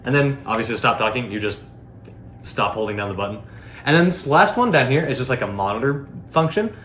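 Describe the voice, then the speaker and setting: A product reviewer gives a casual, unscripted demo, rambling informally and scattering filler words throughout. His medium-pitched voice is a bit bright, with lively intonation and a fairly quick pace. The recording has a roomy echo and faint background noise.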